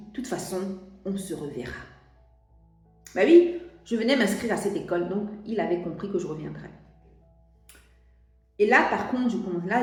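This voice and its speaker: Here a vlogger, a young French woman, recounts her own story with plenty of false starts, fillers and hesitation. Her pitch is fairly low and her tone darkish, and the recording echoes heavily.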